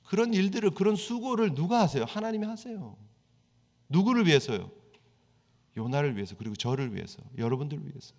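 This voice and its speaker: Korean pastor preaching in a reverberant hall. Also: male voice, fairly high pitch, sing-song, a little fast, darkish tone. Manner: conversational preaching, acts out quoted prayers. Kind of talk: sermon.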